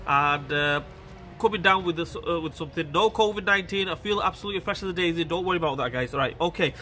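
Bright, fast and a little high, this mechanic's voice has a forceful edge, and his nose sounds completely blocked. He keeps up a casual how-to chat with the "guys" watching his car repair, filmed by phone near the engine with faint music in the background.

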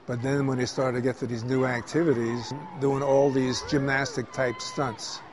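A man's voice: medium pitch, little pitch movement, moderate pace, crowd noise, background noise. A man giving an expert explanation in a matter-of-fact way during a news interview.

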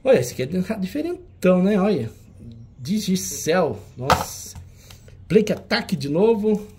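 Chatty man, lively swooping voice. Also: high voice, a little slow, background noise. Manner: chatty, teasing, jokey banter with a helper. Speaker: seller hosting a retro game auction. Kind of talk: casual show-and-tell of old game cartridges.

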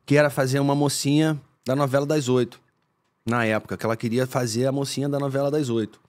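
A man, a podcast guest telling a family story in a lively, casual way. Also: mid-range voice, fast. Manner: animated storyteller who acts out voices.

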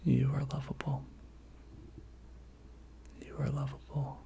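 A person giving a whispered pep talk in soft, breathy ASMR style, repeating short encouraging phrases. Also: medium pitch, monotone, slow pace, slight background noise.

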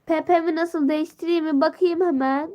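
On a casual live stream, a teenage girl greets her viewers and reads their comments out loud, her very high voice worn down by a sore throat and stuffy nose. She talks briskly in a steady tone, and the recording sounds muffled.

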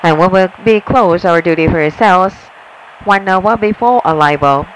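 A woman's voice: fairly low pitch, a little hiss or hum, rough recording. Woman on a cabin PA announcement. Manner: polite, measured. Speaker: flight attendant. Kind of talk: formal bilingual inflight announcement. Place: airplane cabin.

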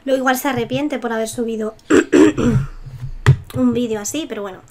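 A woman's voice: on the high side, moderate pace, darkish tone, slight background noise. A young woman with a Spain Spanish accent, chatting casually and giggling while commenting on a life-simulation game. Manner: chatty, giggly, self-mocking asides. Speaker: gameplay youtuber.

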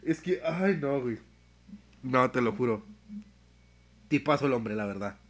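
In a mid-range voice and at a measured pace, a young man with a Mexican Spanish accent chats on a live stream. He swears and uses lots of slang while telling stories energetically.

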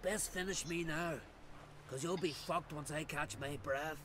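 An actor playing a brash island brawler in a video game who talks bluntly and taunts with folksy, old-fashioned speech. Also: male voice, a little high, fairly even intonation, a little slow, noisy background, natural voice. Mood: taunting. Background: game music.

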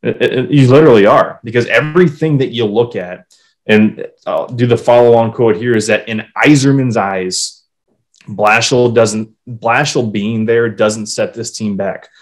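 A man of medium pitch talks at a moderate pace while co-hosting a casual hockey podcast. He gets animated, curses freely and reads quotes out loud.

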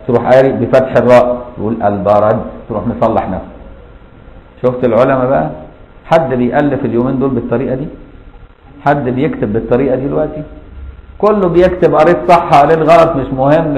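An Islamic law teacher with an Egyptian Arabic accent teaches a classic legal text, explaining it step by step and posing rhetorical questions to his students. His voice is mid-range, and the audio is roomy and dull.

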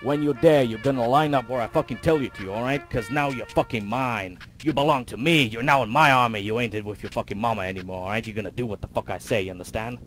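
A young man barks orders as a foul-mouthed drill sergeant, hurling insults at recruits over game voice chat. His voice sits at an ordinary middle pitch, and loud music plays behind him. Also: fast talker, hardly any pauses. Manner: profane, insulting, barking orders.

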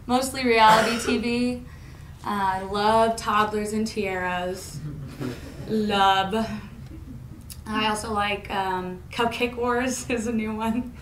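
A young woman from Indiana, US, performs a stand-up comedy set on a college lecture hall stage, her medium-pitched voice deadpan and self-mocking as she laughs at her own jokes. A far camera in the room picks her up, so the hall sounds echoey with audible room noise.

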